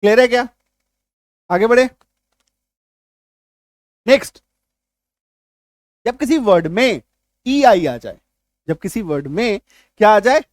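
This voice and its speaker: A male teacher giving a spoken lesson, repeating each point and quizzing the listener with quick questions as he drills lists of words. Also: sits high, expressive, no echo, clean studio sound. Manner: drills word lists aloud, one word at a time.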